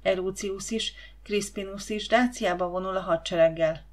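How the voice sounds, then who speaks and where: A woman voicing a gentle, cautious woman servant who talks in a soothing, hushing way. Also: medium pitch, fairly even intonation, natural voice.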